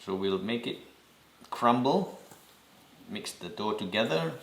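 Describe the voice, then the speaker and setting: Slow Singaporean man in an echoey kitchen. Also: lowish voice, expressive. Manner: slow, patient instructions with repeated reminders. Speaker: home cooking host. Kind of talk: step-by-step cooking demonstration.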